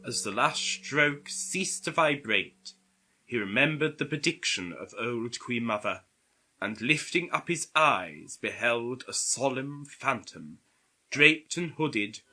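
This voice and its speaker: A man's voice: mid-range voice, animated, slow, pushed and bright. A man narrating a comic parody of a classic story in a playful mock-Victorian manner.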